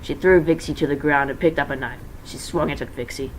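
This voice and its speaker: This noisy home recording features an amateur fan fiction reader with a mid-range voice, talking a little fast. The delivery is a casual dramatic reading, informal and stumbling, sprinkled with self-correcting asides.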